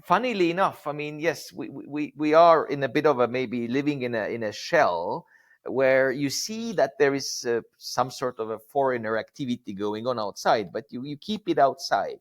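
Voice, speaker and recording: Man with lively pitch. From Estonia. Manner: halting, many repeated words. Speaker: guest. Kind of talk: casual podcast conversation.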